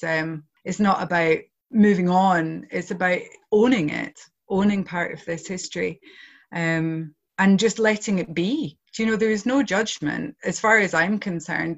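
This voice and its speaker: In a muffled recording, a woman with a lowish voice who isn't from Ireland speaks earnestly in an interview. She's a project founder reflecting on her work, and she leans heavily on "you know" as a filler.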